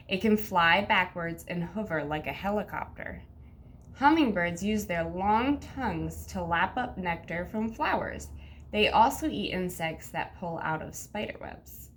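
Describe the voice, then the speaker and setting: A woman's voice: mid-range voice, fairly bright tone. A woman teacher talking like a kids show host to young children, with simple sing-song instructions and counting aloud.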